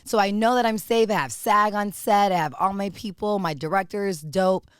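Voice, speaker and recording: A woman actress being interviewed, telling her story in an earnest, animated way. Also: medium pitch, normal speed, smooth, no room sound, clean studio sound. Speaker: actress guest. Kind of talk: casual interview talk.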